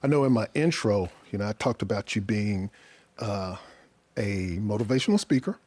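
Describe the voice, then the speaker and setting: A man's voice: lowish voice, animated, moderate pace, darkish tone, no echo. An American man from Dallas hosting a casual chat, effusive and often repeating his words. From Dallas, Texas, US. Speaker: podcast host and interviewer.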